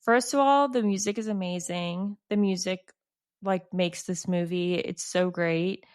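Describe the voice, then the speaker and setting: A woman's voice: fairly low pitch, clean tone. A woman hosting a podcast, chatting casually and enthusiastically about a film, with lots of fillers. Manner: enthusiastic, fond, many fillers. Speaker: podcast host, film reviewer. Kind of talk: casual chat.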